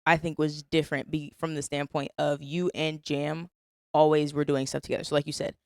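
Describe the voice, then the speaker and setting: A woman's voice: sits low, flat delivery, fairly quick, darkish tone, no room sound, studio quality. A woman in her twenties hosting a podcast, chatting casually and teasing her guest in a playful way. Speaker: podcast host. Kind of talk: casual conversation. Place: indoors, on a couch.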